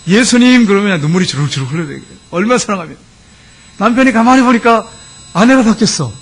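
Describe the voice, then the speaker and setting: Husky high-voiced Korean pastor preaching. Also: male voice. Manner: storytelling preacher, reads poems aloud slowly and fervently. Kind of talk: sermon.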